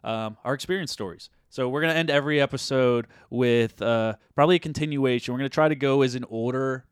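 A man's voice: medium pitch, fast, clear, resonant tone, dry recording, clean studio sound. A man co-hosting a casual podcast, rambling and often restarting his sentences. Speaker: podcast co-host. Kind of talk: casual chat.

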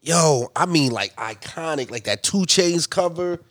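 Male podcast co-host, a bit high, hyped, recorded dry and close. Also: lively intonation, unhurried, a bit bright, dry recording. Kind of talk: casual podcast chat.

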